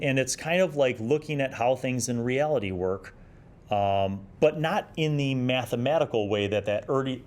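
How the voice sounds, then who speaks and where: A fairly low, slightly mellow male voice belongs to the host of a retro gaming review. His commentary is casual and meandering, as if he's working out his thoughts on the spot.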